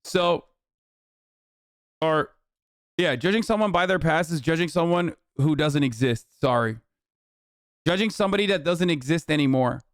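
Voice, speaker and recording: A man's voice: on the high side, moderate pace, pauses often, no echo, studio quality. A man in his thirties ranting on a livestream, sarcastic, heated and full of swearing. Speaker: streamer. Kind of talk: livestream reaction rant.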